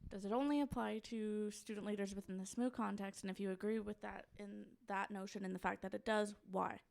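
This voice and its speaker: Gravelly-voiced recording secretary, flat delivery. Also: female voice, mid-range voice, fairly quick. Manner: reads questions aloud, hesitant.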